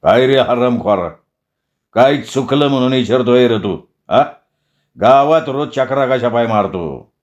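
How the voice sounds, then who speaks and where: A man's voice: mid-range voice, expressive, unhurried, lo-fi sound. A man voicing a hot-headed, dim village wrestler who threatens and bullies. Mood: menacing. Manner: gruff, bullying.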